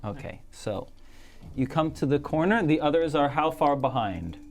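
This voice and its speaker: A woman running a tabletop game as dungeon master, brisk and directive, prompting her players. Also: low-pitched, lively intonation, soft background music.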